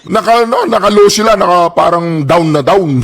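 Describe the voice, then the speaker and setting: A man with a Filipino accent giving sarcastic commentary over rally footage, laughing often and loudly. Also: sits high, moderate pace, a little hiss or hum. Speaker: political commentary host.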